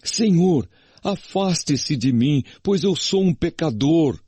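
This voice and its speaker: Man playing humble fisherman disciple, raised husky pitch, dry sound. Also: expressive, takes it slowly, mellow, no room sound, full character voice. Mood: pleading.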